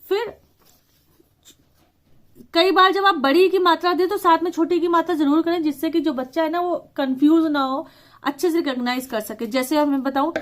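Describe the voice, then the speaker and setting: A woman teacher explaining a lesson, reading words out slowly and deliberately and slipping English words into casual talk. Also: sits high. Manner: slow, deliberate word reading with stressed syllables.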